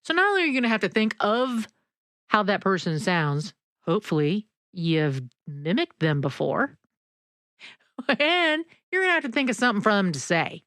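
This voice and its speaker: A woman's voice: medium pitch, sing-song, normal speed, a bit bright, no echo. Chatty woman host, dry close sound. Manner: chatty, laughs often, folksy asides. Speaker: podcast host. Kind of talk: casual storytelling chat.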